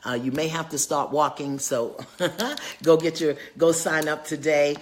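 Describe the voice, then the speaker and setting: An older woman, an author and spiritual teacher, talking casually on a live video, lively and chatty as she greets viewers by name. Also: low-pitched, unhurried.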